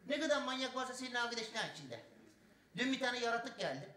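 A man's voice: very high voice, sing-song, fast talker, bright, forceful tone, voice pushed up, exaggerated voice. A comedian playing a crude, rambling old village man with a rural North Aegean Turkish accent in a stand-up bit. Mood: scolding. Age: older. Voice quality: broad rustic drawl, scolding and bawdy. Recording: echoey stage recording, audience noise.

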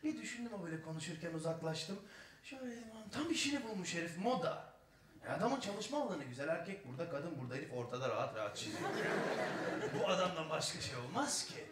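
High, lively-voiced stand-up comedian. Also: male voice, fast, reverberant, distant mic. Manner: animated, mocking storyteller. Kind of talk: stand-up storytelling.

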